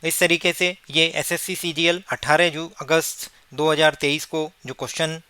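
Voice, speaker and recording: A man's voice: a little high, steady tone, moderate pace, pushed and bright, smooth, no echo. A man teaching exam vocabulary, explaining word meanings step by step with English definitions mixed in.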